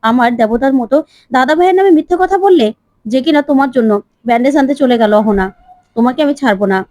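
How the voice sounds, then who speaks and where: An indignant young husband scolds in a rush of quick, high words, as a woman narrator reads his lines. The voice sounds dry and close, with no room around it. He sounds fed up and defends his brother hotly. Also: a little mellow, no echo, lightly acted.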